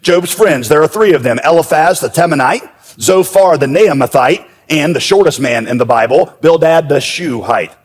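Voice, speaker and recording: A man preaching a sermon as pastor, with humorous storytelling and lively asides. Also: on the high side, moderate pace. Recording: echoey hall.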